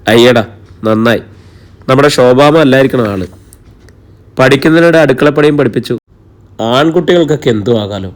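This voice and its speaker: A man's voice: mid-range voice, moderate pace, long pauses, natural voice. A man reading the part of a playful, bossy youngest sister in an audio story. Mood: teasing. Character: lively teasing young woman, youngest sister.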